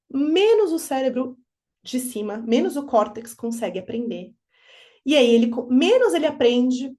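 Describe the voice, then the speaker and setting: A woman giving a talk to parents on children's emotions, animated, acting out children and parents in quick high voices. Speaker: parenting educator. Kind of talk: lecture to parents.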